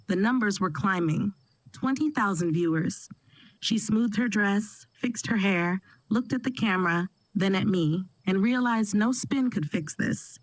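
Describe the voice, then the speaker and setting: A woman narrating a first-person family drama in a steady, dramatic storytelling manner. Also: lowish voice, no room sound, poor audio.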